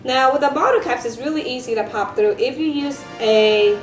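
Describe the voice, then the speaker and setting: A woman giving a step-by-step craft lesson for children, speaking like a bright kids' presenter and teacher. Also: high voice, moderate pace. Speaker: elementary science teacher presenting a craft tutorial. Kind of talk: step-by-step instructional demonstration for children. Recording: roomy echo with music behind.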